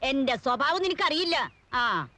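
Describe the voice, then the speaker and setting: An actress playing a bossy, fiery old grandmother who scolds in a shrill voice. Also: big pitch swings, a little slow, bright, forceful tone, dry recording, heavily acted. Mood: angry. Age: older. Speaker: grandmother of the house. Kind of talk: film acting.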